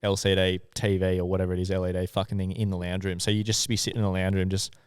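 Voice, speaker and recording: A man's voice: deep voice, level tone, quick pace, smooth, dry recording, clean studio sound. A young Australian man co-hosting a podcast, telling stories in a laid-back way and swearing a lot. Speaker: podcast co-host. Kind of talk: casual storytelling chat.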